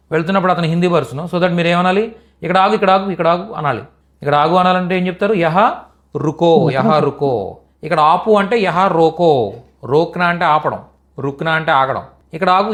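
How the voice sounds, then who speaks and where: A man's voice: on the high side, fairly bright tone. A man teaching in a live online language class, repeating each phrase patiently for students. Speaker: Hindi teacher.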